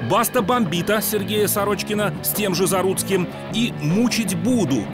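A man giving scripted documentary narration in an even, informative way. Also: sits high. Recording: narration over loud music.

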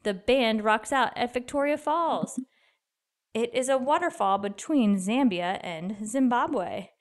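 A woman's voice: fairly high pitch, lively intonation, takes it slowly. Woman reading a children's picture book. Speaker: read-aloud storyteller for children.

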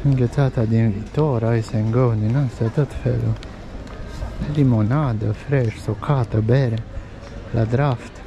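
A man's voice: medium pitch, steady tone. Chatty man giving an outdoor walking tour. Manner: chatty, points out sights and prices as he walks. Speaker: travel vlogger. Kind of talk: casual walking-tour commentary. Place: outdoors in a pedestrian old town. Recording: lo-fi outdoor recording with street noise.

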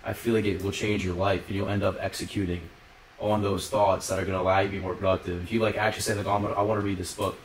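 Young male podcast host, low voice, quick loose chatter full of fillers, roomy off-mic sound. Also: level tone, far from the mic, slight background noise. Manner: rambling, filler-heavy, lots of "like" and swearing. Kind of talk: casual podcast chat.

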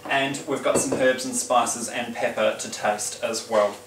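A man playing a glamorous, genteel lady who hosts a home cooking demonstration with theatrical, drawn-out phrasing. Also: medium pitch, steady tone, background noise, natural voice. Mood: poised, instructive. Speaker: cooking show host. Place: indoor home kitchen. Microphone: distant camera microphone. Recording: roomy kitchen, distant mic, clattering dishes.

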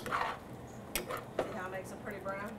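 A woman's voice: medium pitch, flat delivery, slow. A woman off camera, casually chatting and asking short questions from away from the microphone. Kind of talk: casual chat. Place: home kitchen, away from mic. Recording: distant off-mic voice, loud kitchen noise.

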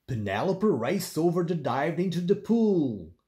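A narrator reading a children's story aloud, slowly and expressively. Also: mid-range voice. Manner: slow, expressive read-aloud.

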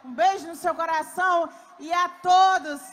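A woman singer on a live stage, shouting greetings to the crowd between songs. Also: very high-pitched, steady tone, moderate pace. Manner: shouting greetings over the band. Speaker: band singer. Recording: loud live band behind her.

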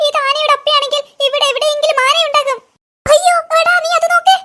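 A woman voicing excitable, bickering cartoon children. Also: extremely high pitch, fast. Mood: excited. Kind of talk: cartoon voice acting.

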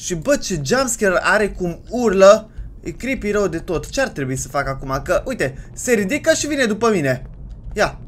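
A gaming YouTuber commenting on a horror game, excitable and slangy, yelling at jump scares and taunting the game character. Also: medium pitch, a little hiss or hum. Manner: excitable, yells and shrieks at scares, slangy banter to viewers.

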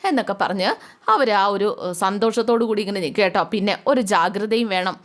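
A woman retelling a TV serial in a chatty, lively storytelling way, acting out each character's lines. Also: medium pitch, fast. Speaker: serial recap narrator. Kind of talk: casual storytelling recap with acted quotes.

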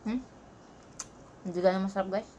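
A woman talks casually to her viewers with her mouth full while she eats, at a medium pitch. Her words run together in a relaxed, chatty way. A faint hum sits behind her voice. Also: normal speed, lo-fi sound. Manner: chatty, addresses viewers as guys. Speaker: vlogger. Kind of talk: casual mukbang chat.

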